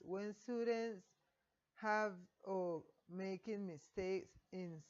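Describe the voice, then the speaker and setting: A Colombian woman whose first language is Spanish reads her teaching reflection aloud in English, slowly and haltingly, with a Colombian Spanish accent. The recording sounds dull and lo-fi. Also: on the low side, a little mellow. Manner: slow, halting reading of prepared English text. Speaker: student teacher.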